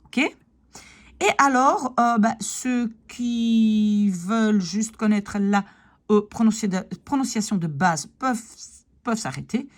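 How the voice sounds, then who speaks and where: A language teacher runs a pronunciation lesson, patiently repeating example words one at a time and often asking "d'accord?" and "ok?" to make sure students follow. Her voice sits on the high side, animated and slow.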